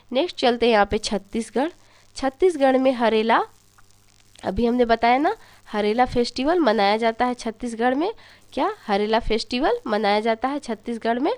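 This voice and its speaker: A young woman teaching an exam-prep lesson, telling little stories and asking questions that she then answers herself. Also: a little high. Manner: storytelling, asks questions and answers them herself.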